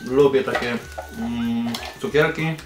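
A man co-hosting a casual candy tasting, talking through a half face mask in a relaxed, brief way. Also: medium pitch, slow pace, distant mic. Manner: relaxed, brief, agreeable remarks. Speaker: co-host. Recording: echoey room with music behind.

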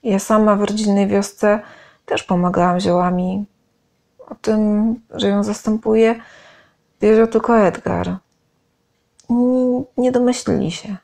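A woman's voice: medium pitch, steady tone, slow, creaky, long pauses. A woman voicing a frightened, subdued young half-elf herbalist in a read-aloud story. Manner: subdued, quiet.

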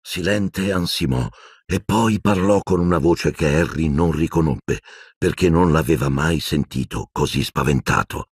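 A man narrating an audiobook with dramatic, expressive storytelling into a close microphone. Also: rumbling low, measured pace, slightly rough, dry recording.

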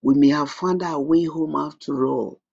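A storyteller voicing an earnest elder boy who protects his brother, speaking urgently in a raised voice, husky and creaky. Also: mid-range voice, normal speed, darkish tone, lo-fi sound. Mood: hopeful.

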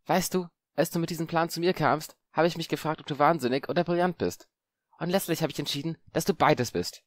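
A man voicing a clever, excitable young boy wizard in an audiobook, brash and theatrical. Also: a little high, a little fast, no echo, voice pushed up, lightly acted. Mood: cheeky. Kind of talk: audiobook character voice.

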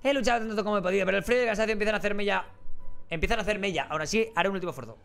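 A worn-out climber on a freezing mountain speaks up, as a man reads his game lines. The reading is half-dramatic and sits slightly higher than an everyday voice. Quiet music runs underneath. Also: very fast, gravelly. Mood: weary. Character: weary male climber on a frozen mountain.

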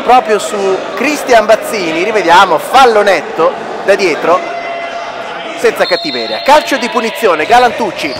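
A man giving excitable futsal play-by-play commentary, breaking into shouted goal calls as a match commentator. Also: high-pitched, normal speed. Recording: music and crowd noise behind. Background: music, sports hall crowd.

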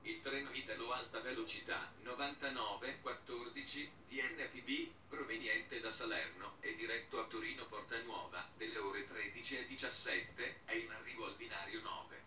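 A man making a flat, formal railway station announcement in measured, segmented phrases. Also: medium pitch. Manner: measured formal delivery with names read in separate segments. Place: public address in a railway station, station ambience behind. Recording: bright roomy distant PA with background noise.

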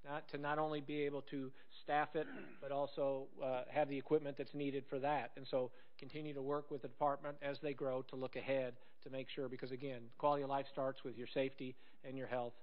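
A man presenting an item to a city council in a conversational, halting way, with many fillers and restarts. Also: medium pitch, flat delivery, highs cut off. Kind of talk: council meeting remarks. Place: council chamber.

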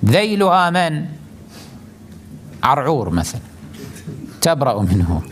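A male cleric giving a forceful religious lecture, asking rhetorical questions and repeating his points for emphasis. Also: on the high side, sing-song, measured pace, slight background noise. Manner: rhetorical questions, mimics opponents in a raised voice.

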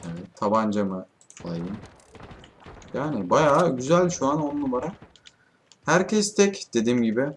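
A man's voice: mid-range voice, animated, measured pace, pauses often, a little hiss or hum. Swearing young man commenting on his gameplay. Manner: swears often, yells at teammates, frustrated outbursts. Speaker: gaming YouTuber.

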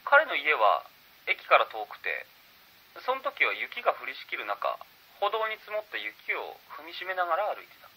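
A man telling a true ghost story, swinging from hushed murmurs to loud bursts, with dramatic pauses and sound effects. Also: a little high, wildly swooping pitch, gravelly, slight background noise, low-quality recording.

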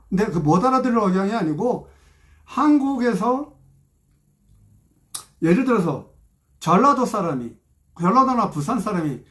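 A man from South Korea, hosting his channel in a casual, rambling talk, often repeating himself and trailing off. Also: sits high. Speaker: channel host.

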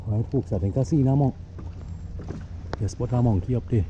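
This outdoors vlogger, a man with a Trinidadian accent, offers relaxed commentary at a moderate pace in a medium-pitched voice. He's filming on a handheld action camera outdoors on the water in a kayak bay, and the sound is lo-fi with a noisy background.

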